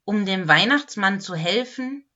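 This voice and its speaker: A woman's voice: mid-range voice, expressive, unhurried, pushed and bright, dull audio. A woman voicing a helpful male Christmas elf in a storybook reading, friendly and explaining.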